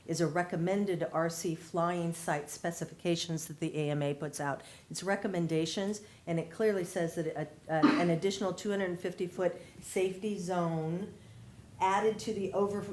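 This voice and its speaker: A woman staff member carefully explaining a regulation in answer to a question at a city meeting. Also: on the low side.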